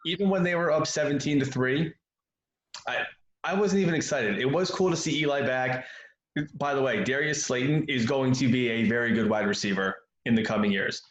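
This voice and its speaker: A man co-hosting a casual sports debate, speaking deliberately and evenly. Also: medium pitch, roomy sound, lo-fi sound. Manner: measured, speaks deliberately slow. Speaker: co-host.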